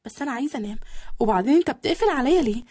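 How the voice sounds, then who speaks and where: A stubborn, childish young bride with an Egyptian accent, put on by a woman storyteller. Her voice rides high and leaps all over, whining and pouting in fast retorts. The sound is dry and close. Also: lively intonation, mellow, slightly rough, no echo. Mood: pouty defiant. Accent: Egyptian Arabic. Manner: whiny, pouty, quick retorts.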